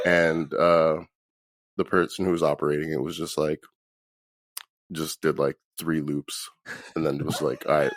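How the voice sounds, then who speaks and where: A man's voice: extremely low pitch, level tone, a little slow, pauses often, no echo. A hungover man chatting casually as an interview guest, laid-back and slangy, swearing freely. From Philadelphia. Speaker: interview guest, band musician. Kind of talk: casual chat.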